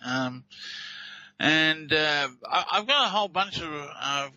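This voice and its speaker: A man's voice: fairly high pitch, lively intonation, slow pace, bright, forceful tone, poor audio. A man with an Australian accent hosting a talk show, explaining audio clips in a hesitant way with many fillers and restarts. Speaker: host.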